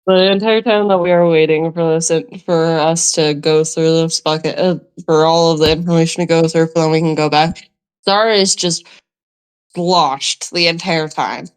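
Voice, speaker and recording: Lower-pitched woman chatting over a tabletop game. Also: steady tone, normal speed, clear, resonant tone. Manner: rambling, swears casually, many restarts. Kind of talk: casual game chat.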